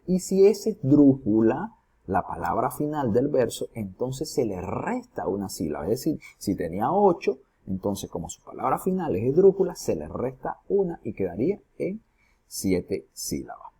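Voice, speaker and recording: A man's voice: mid-range voice, warm tone, breathy edge. A man teaching a recorded lesson, explaining each step and asking his students questions as he goes. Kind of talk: recorded lesson on poetry metrics.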